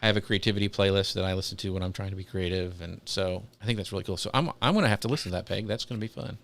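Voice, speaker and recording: A man's voice: low-pitched, very fast, a bit bright. A man co-hosting a live podcast, chatty and rambling, with many ums and restarts. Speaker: podcast co-host. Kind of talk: casual live podcast chat.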